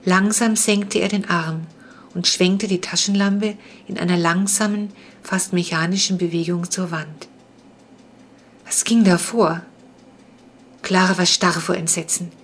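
Narrator: woman, expressive, suspenseful children's audiobook reading. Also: lowish voice, unhurried, slight background noise.

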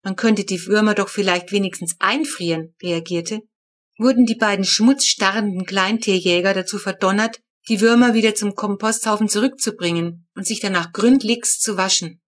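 A woman reading a children's storybook aloud, telling the story in a lively first-person voice. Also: mid-range voice, moderate pace. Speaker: audiobook reader.

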